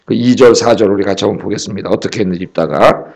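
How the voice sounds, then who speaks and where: A man's voice: lowish voice, rapid-fire, vocal fry, a little mellow. A male pastor giving a conversational dawn-service sermon, often asking the congregation questions and acting out quoted speech. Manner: conversational preaching, acts out quoted lines with raised angry voice; asks the congregation questions, tag words like "ye?" and "eo?".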